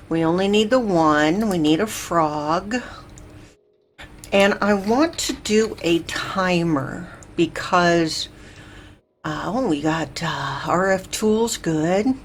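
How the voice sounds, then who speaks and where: A woman hosting a slow, chill game let's play, thinking aloud with lots of fillers and a little out of breath. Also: on the low side, a little hiss or hum. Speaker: Minecraft let's play host. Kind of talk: slow, chill gameplay commentary.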